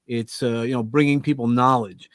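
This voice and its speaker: A man's voice: medium pitch, normal speed, no room sound. A middle-aged man with a Brooklyn New York accent, talking animatedly as a guest over a video call. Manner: animated, joking, self-interrupting. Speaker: podcast guest. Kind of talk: casual interview chat.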